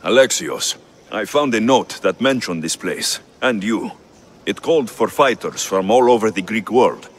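An actor playing Alexios, a confident mercenary hero in a video game, speaking in a dry, self-assured way. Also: male voice, fairly low pitch, animated, normal speed.

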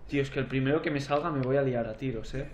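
A man commenting on a horror game as he plays, swearing and shouting when something scares him. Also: medium pitch, rapid-fire. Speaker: gameplay commentator. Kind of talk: let's play commentary. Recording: roomy echo with faint game ambience.

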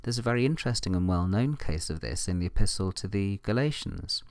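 An English man hosting a solo podcast, giving a lively lecture-style talk and changing his voice to read out quotations. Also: low-pitched, brisk, clear, resonant tone, no echo. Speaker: podcast host, New Testament scholar.

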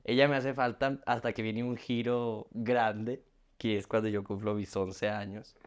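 A young man with a Mexican accent, heartfelt and halting as he tells his own life story on a podcast, often restarting his words. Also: fairly low pitch, flat delivery. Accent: Mexican Spanish. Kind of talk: emotional personal storytelling.

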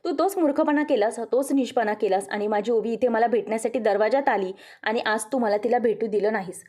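A woman's voice: on the high side, fairly quick, a little mellow, natural voice. A woman voicing an angry grandmother who scolds her daughter-in-law in a stern, accusing tone. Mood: angry scolding.

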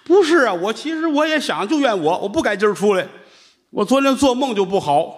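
A man's voice: sits high, sing-song, fairly quick, pitched above the performer's own voice. A man voicing a whining, foolish male vegetable peddler in a storytelling comedy routine. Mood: whiny. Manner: whining, complaining.

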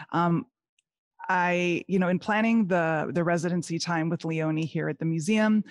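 A woman's voice: fairly low pitch, a little mellow, dry recording, clean studio sound. Woman host reading a formal introduction. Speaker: museum host, moderator. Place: outdoor courtyard.

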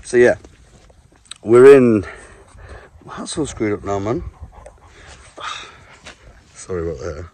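A man's voice: fairly low pitch, lively intonation, slow pace, pauses often, dark tone. A man out of breath, chatting casually to camera while walking his puppy in an open field. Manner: chatty, laughs often while handling the puppy. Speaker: vlogger, dog owner. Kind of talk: casual vlog talk to camera.

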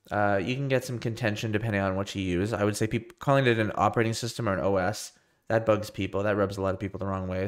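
Nasal-voiced man streaming with a cold. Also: on the low side. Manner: rambling, loose and self-deprecating, many restarts. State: tail end of a cold. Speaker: live-streaming developer. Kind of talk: casual live-stream chat. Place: home room with a computer rack.

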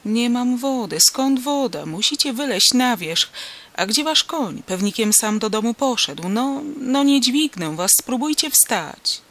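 A reader voicing an old village farmer who talks in rustic dialect and calls out loudly in the dark. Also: mid-range voice, unhurried, few pauses. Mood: urging. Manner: rustic dialect, loud calling out.

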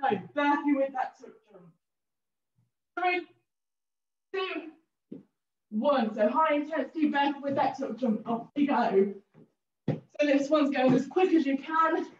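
A high-voiced woman coaches a cardio workout, calling out encouraging cues and countdowns. She is out of breath from exercising along. The sound is roomy and heard from a little way off the mic, slightly dull. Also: takes it slowly, long pauses. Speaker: fitness instructor. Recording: roomy, distant and a bit dull.

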